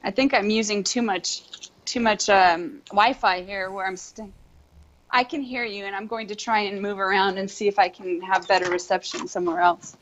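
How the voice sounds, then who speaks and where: A woman's voice: mid-range voice, steady tone, fairly bright tone, dull audio, a little hiss or hum. Woman on a choppy, breaking-up call. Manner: quick, with stumbling restarts. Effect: choppy remote call on a poor connection. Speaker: call-in guest. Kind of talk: casual radio talk.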